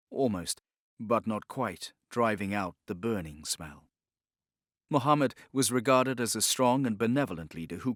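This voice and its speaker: A male narrator with a fairly low, slightly bright voice reads dramatic fiction for an audiobook. His carefully scripted delivery is measured and solemn, and the close, dry recording has no room sound.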